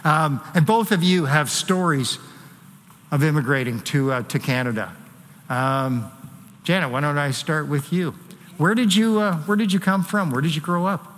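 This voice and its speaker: A man's voice: fairly high pitch, moderate pace, fairly bright tone. A male pastor preaching a sermon, then hosting an onstage interview, earnest and a little hesitant with fillers when speaking off the cuff. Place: church sanctuary. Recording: church hall reverb.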